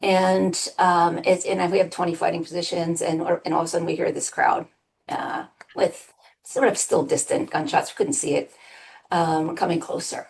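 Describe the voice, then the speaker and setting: A woman's voice: lowish voice, little pitch movement, moderate pace, vocal fry, darkish tone. A woman in her sixties, a retired army officer, telling a personal story on a video panel, earnest and full of ums. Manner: earnest, with many ums and restarts. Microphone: video call.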